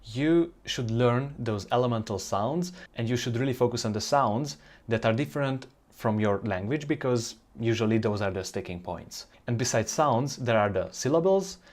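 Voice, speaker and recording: A native Hungarian speaker from Hungary gives an informal language-learning tutorial, speaking in halting phrases as he searches for words. He has a Hungarian accent and an expressive, medium-pitched voice.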